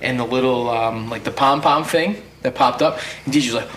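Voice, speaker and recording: A young man rambles through a casual retelling. His voice sits at an everyday pitch, and the room rings behind him with a faint hiss. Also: normal speed, fairly bright tone. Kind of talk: casual chat. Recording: roomy room with faint noise.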